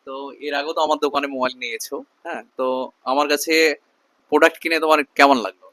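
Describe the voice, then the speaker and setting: A man giving an emphatic, repetitive sales pitch as a shopkeeper in a promotional video. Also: fairly even intonation, very fast, a bit bright, dry recording. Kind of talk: sales pitch to camera with customer chat.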